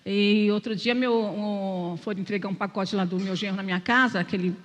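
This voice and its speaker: A woman's voice: mid-range voice, fairly even intonation, a little fast, in a large hall. An older woman with a Brazilian accent gives a chatty, conversational church message, mixing personal stories and self-deprecating humor and often checking in with her listeners. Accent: Brazilian Portuguese. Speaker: lay speaker at church. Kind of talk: conversational sermon with personal testimony. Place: church sanctuary.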